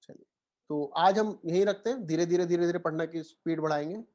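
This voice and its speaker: Indian male tutor, slightly high voice, code-switching Hindi-English, reassuring online lecture delivery. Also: brisk, a little mellow, lo-fi sound. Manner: Hindi-English code-switching, frequent "theek hai" check-ins; encouraging, reassuring students. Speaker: teacher.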